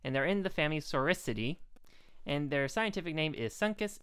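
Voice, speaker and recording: A woman's voice: low-pitched, lively intonation, fairly quick, clear, resonant tone, no echo, clean studio sound. A woman co-hosting a podcast, explaining animal facts from notes in a casual, matter-of-fact way. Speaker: podcast co-host.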